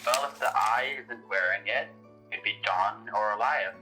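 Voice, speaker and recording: On a low-quality recording with music behind her, a woman with a bass voice speaks at a moderate pace in a sharp tone. She's a podcast panelist playing a researcher in a semi-improvised, in-character discussion of a horror audio drama, and her manner is dry, pointed, and challenging.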